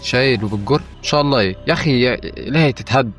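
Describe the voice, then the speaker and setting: A man's voice: mid-range voice, a bit bright, soft background music. A young man with an Egyptian Arabic accent doing jokey, often panicked horror game commentary. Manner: jokey, rapid-fire, often panicked and pleading. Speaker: gaming YouTuber.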